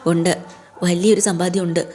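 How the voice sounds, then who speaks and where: A woman voicing an ailing elderly father in a TV serial recap, speaking slowly and softly with hesitant pauses. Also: lowish voice, flat delivery, close to an everyday voice. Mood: grave.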